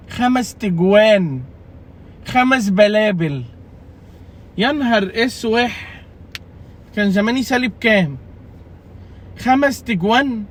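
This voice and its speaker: A man's voice: high-pitched, fairly bright tone. A young man with an Egyptian Arabic accent, ranting casually and jokingly about his fantasy football team, exasperated and repeating himself. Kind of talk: casual comedic rant.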